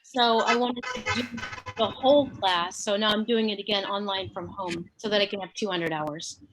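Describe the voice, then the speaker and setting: A woman's voice: mid-range voice, moderate pace, a bit bright, a little hiss or hum, poor audio. A woman from the United States, a yoga student, talking casually on a video call and searching for words with friendly hesitation. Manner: friendly, hesitant, many fillers while recalling. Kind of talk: casual conversation.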